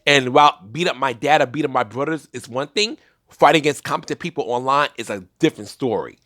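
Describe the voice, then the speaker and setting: A man's voice: medium pitch, quick pace, bright, forceful tone, dry recording, clean studio sound. A young man giving casual solo commentary on a fighting game, rambling with restarts and fillers. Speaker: gaming commentator.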